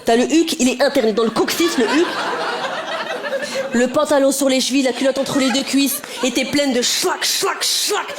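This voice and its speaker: A woman stand-up comedian, talking directly to the audience on stage in a lively, energetic way. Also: sits high, normal speed. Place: on stage before a live audience. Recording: live stage with loud crowd noise.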